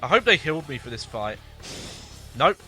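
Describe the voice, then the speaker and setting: A man's voice: a little high, sing-song, normal speed, sharp tone, soft background music. A man hosting a gaming playthrough, thinking aloud in a rambling, amused, casual way. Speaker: gaming video host.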